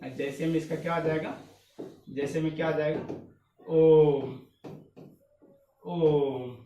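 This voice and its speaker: A man's voice: on the high side, little pitch movement, fairly quick, darkish tone, lo-fi sound. A man teaching a grammar lesson. He repeats each point several times and asks questions that he answers himself. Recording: echoey room, voice a bit distant.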